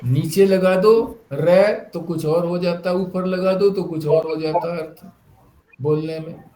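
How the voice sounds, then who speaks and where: High-voiced man giving a spiritual discourse. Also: fairly even intonation, mellow, reverberant. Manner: explanatory, rhetorical questions, slow deliberate phrasing. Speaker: spiritual teacher.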